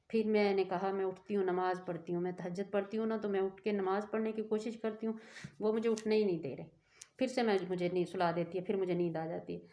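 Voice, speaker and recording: A woman's voice: medium pitch, dark tone. A woman telling a personal story in a rambling, earnest way that keeps interrupting itself. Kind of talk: casual storytelling to camera.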